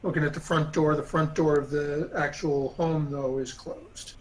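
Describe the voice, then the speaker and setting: A man running a tabletop game as game master, narrating in a halting way with many fillers and restarts. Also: on the high side, little pitch movement, rough recording.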